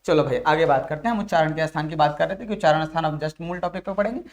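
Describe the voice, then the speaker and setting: A man with a Bihari Hindi accent teaches Hindi grammar in an exam-prep lesson, speaking rapid-fire in a fairly high voice. He calls the viewers dear children and drills them by asking each question again and again before answering it himself.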